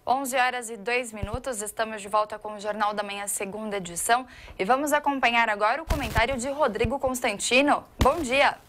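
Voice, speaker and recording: A woman presenting the morning radio news in a brisk, clear announcing manner. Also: a little high, fairly bright tone, a little hiss or hum. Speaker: news anchor.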